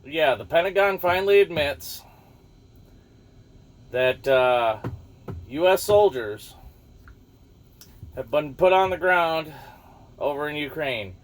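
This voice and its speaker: A man rambling casually about the news to his viewers, losing his thread now and then and swearing offhand. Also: mid-range voice. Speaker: vlogger.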